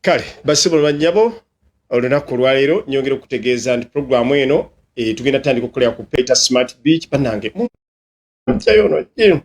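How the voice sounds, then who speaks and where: A man from Uganda hosting a live video chat, joking and teasing in quick casual talk. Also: medium pitch, lively intonation. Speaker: live-stream host.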